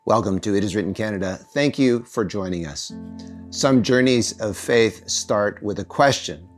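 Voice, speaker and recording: Male show host, scripted intro, lowish voice, formal, faint guitar music. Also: moderate pace.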